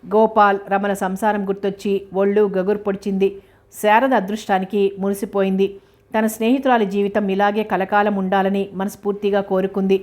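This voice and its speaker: A woman reads a novel aloud as its narrator. Her delivery is steady and even, with pitch in the middle range and very little rise and fall. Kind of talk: novel reading.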